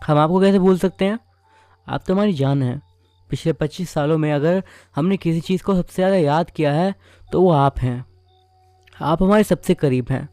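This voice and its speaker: A man's voice: fairly high pitch, normal speed, dark tone, no room sound, faint music behind, close to an everyday voice. A man voicing young woman back from abroad. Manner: affectionate, chatty and puzzled.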